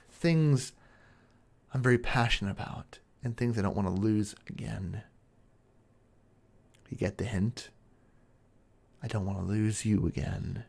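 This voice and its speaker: An obsessive male kidnapper played by a man in an intimate role-play monologue. His voice sits low with a heavy creak, and he muses haltingly, coaxing his captive with controlling, quiet menace. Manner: halting, musing, coaxing, with drawn-out pauses.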